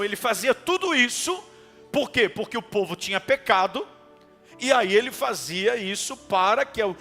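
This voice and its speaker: A male pastor preaching in a church, his voice high and ringing bright. He poses questions and calls out to the congregation, breaking into shouted exclamations. Soft music plays faintly beneath him. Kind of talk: sermon.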